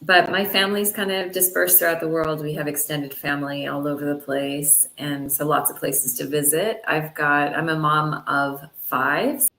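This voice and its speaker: A middle-aged woman from Canada answers interview questions in an earnest, upbeat manner. Her voice is notably low for a woman. The room around her is echoey. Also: fairly even intonation, normal speed, hardly any pauses, pushed and bright. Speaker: physician guest.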